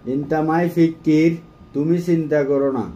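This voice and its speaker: A man giving a phrase-by-phrase language lesson, saying each phrase and then repeating it slowly and carefully. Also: a little high, fairly even intonation, mellow, lo-fi sound. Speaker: language teacher.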